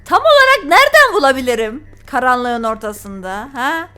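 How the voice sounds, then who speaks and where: A woman's voice: high-pitched, big pitch swings, normal speed, sharp tone, clear, resonant tone, faint music behind. A woman hosting a gaming channel, giving jumpy, frightened commentary on a horror game and reading its notes aloud to viewers.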